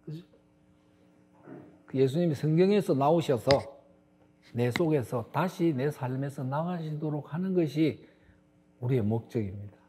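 A man's voice: on the high side, lively intonation, unhurried, long pauses, background noise. A middle-aged male pastor delivering a sermon, stressing words emphatically and turning to the congregation with asides.

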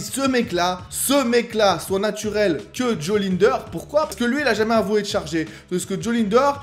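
A man ranting and commenting heatedly as a YouTuber reacting to videos, repeating himself and swearing. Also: high voice. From France.

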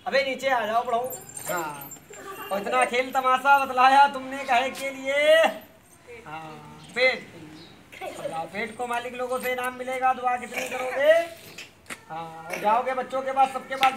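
A man running a street monkey show, calling out loud teasing commands to the animals. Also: very high voice, moderate pace. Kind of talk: showman's patter to a crowd. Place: outdoors at a school ground. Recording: crowd noise around. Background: children's crowd.

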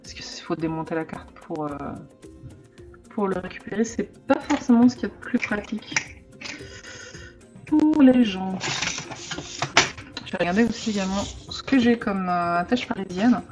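A woman with a mid-pitched voice explains her card-making as she goes, often pausing to think it over. Now and then she drops to a hushed aside. Clear music plays underneath her voice. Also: lively intonation. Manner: thinking aloud, many hesitations. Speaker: crafting vlogger. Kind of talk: casual crafting tutorial. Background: background music.

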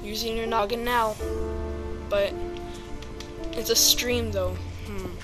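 This woman's voice is a little high and steady in tone, and she speaks slowly. Over background music, the video game player gives relaxed let's-play commentary that's chatty and hesitant, packed with ums and playful sound words.

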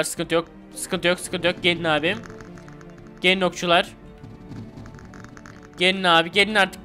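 Young guy yelling through gameplay, high bright voice, slangy, game music low in the back. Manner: excitable, shouts at enemies, slangy. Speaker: gaming YouTuber. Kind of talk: casual gameplay commentary. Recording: game music faint behind.

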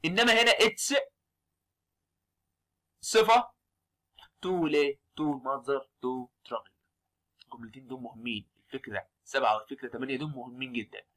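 A man with an Egyptian Arabic accent giving a fast exam review of English grammar, constantly firing quick questions at his students. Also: medium pitch, pushed and bright. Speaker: English teacher.

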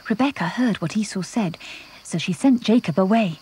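A woman narrating a children's Bible story in a simple, clear storytelling manner. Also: mid-range voice, normal speed, mellow.

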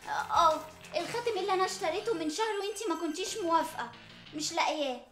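An actress playing a naive, clingy young daughter in an Egyptian Arabic sitcom, with a whiny, pleading way of talking. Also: female voice, extremely high pitch, lively intonation, very fast, a bit bright, faint music behind. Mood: suspicious. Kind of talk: sitcom acting. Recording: roomy set sound.

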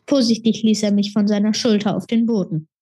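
Lady reading a kids fantasy book out loud, steady and expressive, mid pitch. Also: brisk. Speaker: reader.

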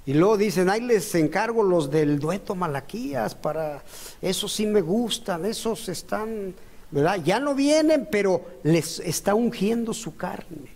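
Male preacher, high-pitched, rambling sermon style. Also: a little slow, a little mellow. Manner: rambling, conversational, many fillers and asides.

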